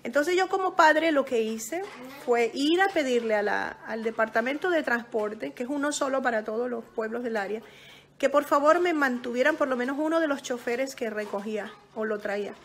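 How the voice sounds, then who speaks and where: Calm high-voiced woman giving parenting advice. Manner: calm, slow and gentle, with many pauses and restarts; teacherly, checks in with "¿ok?". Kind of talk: casual advice talk to parents.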